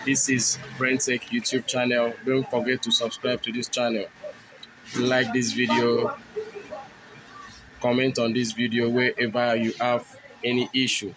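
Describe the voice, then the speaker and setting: A man narrating a step-by-step phone tutorial, explaining each button press in steady, repetitive phrasing. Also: mid-range voice, measured pace, background noise. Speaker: tech tutorial host.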